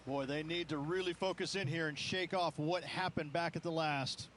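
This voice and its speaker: A man's voice: on the high side, steady tone, normal speed, fairly bright tone, a little hiss or hum, close to an everyday voice. A man playing a golf commentator in a video game, giving conversational analyst remarks over outdoor ambience. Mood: measured, analytical.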